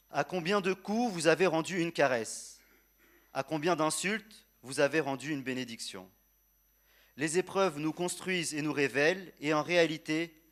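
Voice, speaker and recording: A man with a fairly high voice speaks a funeral eulogy. He is solemn and measured, building tender phrases through repetition, and carries a quiet grief as he addresses the one who has died.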